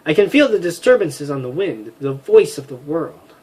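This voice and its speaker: A man's voice: fairly high pitch, big pitch swings, moderate pace, a little mellow, breathy edge, voice pushed up. A man voicing a proud, mystical winged female warrior in a game, speaking in lofty, solemn pronouncements.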